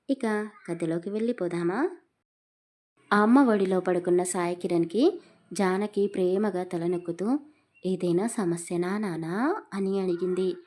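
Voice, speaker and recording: A woman host narrating a serialized love story in a calm, measured way. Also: medium pitch.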